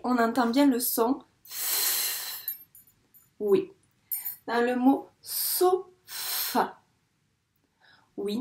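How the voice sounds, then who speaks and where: A woman's voice: on the high side, darkish tone. A woman teacher giving a patient phonics lesson to a young child and sounding out words syllable by syllable. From France. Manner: slow, patient, drawn-out syllables. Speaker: first-grade teacher.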